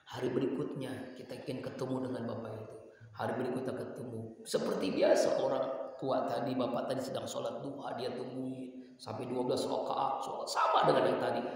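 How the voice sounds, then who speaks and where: A male preacher telling a story in a sermon, swinging between soft and loud passages. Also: mid-range voice, level tone, fairly quick. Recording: echoey hall from far off, faint noise.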